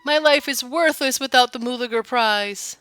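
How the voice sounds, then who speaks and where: A woman's voice: sits high, normal speed, a bit bright, clear, resonant tone, soft background music, voice pushed up. A woman voicing a melodramatic old male farmer from a video game, folksy and theatrical. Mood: despairing, melodramatic. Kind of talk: video game character read-aloud.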